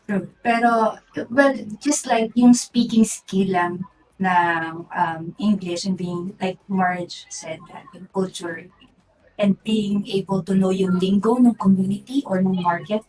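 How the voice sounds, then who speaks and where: A woman's voice: mid-range voice, a little slow, a little mellow. Filipino woman on a distant mic. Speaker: guest. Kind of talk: casual Taglish interview.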